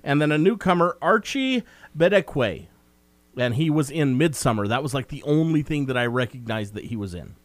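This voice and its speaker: A man's voice: mid-range voice, lively intonation, moderate pace, dry recording. A man co-hosting a casual film review chat, recapping the plot in a meandering, talkative way. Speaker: movie review co-host.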